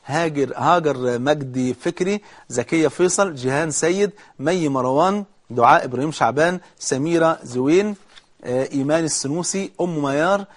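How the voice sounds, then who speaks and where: A man's voice: a little high, brisk. A man with an Egyptian Arabic accent giving a religious talk, reading out a long list of names and offering prayers, rising to fervent emphasis. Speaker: preacher.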